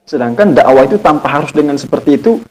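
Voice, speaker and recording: Speaking quickly with a fairly high, expressive voice and a darkish tone, this young Islamic teacher tells a personal story as a podcast guest. The recording is rough. His casual, conversational storytelling is sincere and thoughtful, and he frequently repeats what he once said himself.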